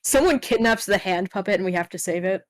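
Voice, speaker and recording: A woman player chatting at a tabletop game, excited and rambling with restarts. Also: medium pitch, fast, no room sound. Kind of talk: casual tabletop chat.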